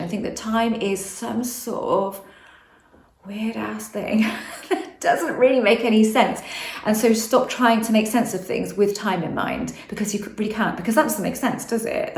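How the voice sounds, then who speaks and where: Woman vlogger, casual rambling monologue, self-correcting, mid pitch, echoey room. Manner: rambling, often restarts and corrects herself. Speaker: manifestation vlogger.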